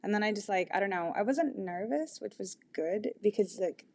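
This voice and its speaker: A woman's voice: mid-range voice, lively intonation, moderate pace, gravelly, slight background noise. A young woman chatting casually to camera, full of "like" and "um," candid and giggly as she tells a personal story. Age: young adult. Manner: chatty, filler-heavy with constant "like" and "um"; candid and giggly, laughs mid-sentence. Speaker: vlogger.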